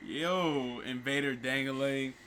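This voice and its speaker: A young man co-hosting a podcast, explaining a word game in relaxed, slangy chat. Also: mid-range voice, slow, a little hiss or hum. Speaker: podcast co-host. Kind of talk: casual chat.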